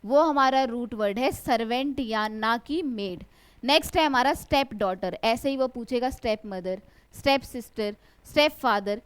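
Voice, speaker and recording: A woman teaches English grammar in a fairly high voice. She asks a question and then answers it herself, drawing each example word out slowly. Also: clean tone. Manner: stretches out example words slowly. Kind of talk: classroom lecture.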